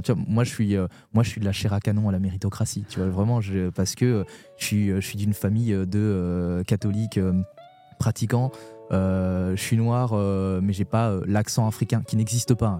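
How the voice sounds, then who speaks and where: A young man from France talks as a guest on a poetry podcast, searching for his words with frequent pauses and restarts. His voice sits fairly low and sounds warm and dark. He speaks openly, in a loose conversational flow. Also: steady tone, soft background music. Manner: hesitant, full of pauses and restarts, frank and heartfelt. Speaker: poet guest.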